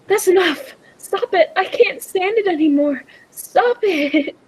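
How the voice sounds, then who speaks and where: A woman acts a young lady adventurer, companion to an eccentric time traveller, speaking and narrating in a dramatic, literary 1940s radio-drama style. Her full character voice is very high, animated, slow and a little mellow, anxious yet brave, shaken and distressed. The audio is poor.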